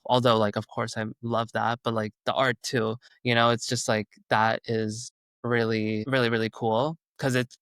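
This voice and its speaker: Guesting on a casual interview, this young adult man, a Canada-based singer-songwriter with Urdu as his first language, talks in a meandering way with many fillers. The voice is medium-pitched and slightly bright, recorded without room sound.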